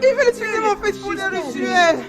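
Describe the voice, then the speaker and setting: A wailing grieving widow. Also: female voice, very high-pitched, animated, moderate pace. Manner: wailing, pleading, sobbing. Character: grieving widowed mother whose son is taken. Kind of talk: dubbed film drama. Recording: loud music and crowd behind.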